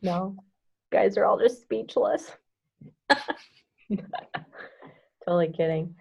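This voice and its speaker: A woman's voice: medium pitch, slow, creaky, slightly rough. Young woman, team coach, casual and rambling with lots of fillers. Lo-fi, muffled audio. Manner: chatty, heavy use of "like" and "um", hums filler sounds. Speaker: team coach leading a group call. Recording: dull lo-fi audio.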